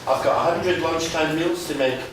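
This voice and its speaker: A man's voice: on the high side, normal speed, noisy background, lightly acted. A man playing a bossy, camp pantomime dame, a hard-working cook who shrilly addresses the audience on stage. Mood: chatty, exasperated. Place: stage in a large hall. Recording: echoey hall from far off, music behind.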